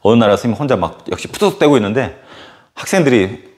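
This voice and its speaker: Male history teacher, casual lecture anecdote, lively swinging pitch, mid-range voice, chatty filler-heavy storytelling. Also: fast. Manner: animated storytelling full of fillers.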